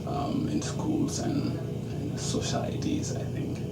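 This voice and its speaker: A man from Senegal, a dance graduate student giving measured interview answers and checking in with "okay?". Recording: roomy, distant and noisy.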